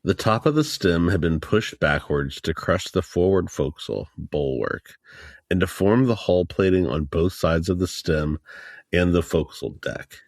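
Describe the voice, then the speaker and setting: A man co-hosting a podcast, reading a technical report aloud in a steady, measured way and chatting casually. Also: low-pitched, dry recording, clean studio sound. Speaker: podcast co-host.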